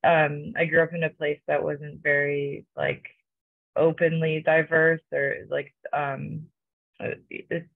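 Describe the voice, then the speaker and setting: A woman's voice: deep voice, little pitch movement, takes it slowly, gravelly, no room sound. A young woman from Romania, a co-curator, talking casually on a video call with many fillers and restarts. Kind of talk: casual panel talk. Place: home room with bookshelves. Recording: dry, phone-like video call audio.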